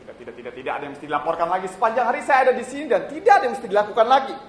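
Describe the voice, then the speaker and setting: Male actor as a jovial bureaucrat in a stage play; high, animated voice, roomy live theatre recording. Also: rapid-fire. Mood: breezy. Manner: breezy, laughing, reassuring official tone. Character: cheerful male city official, smooth and bureaucratic.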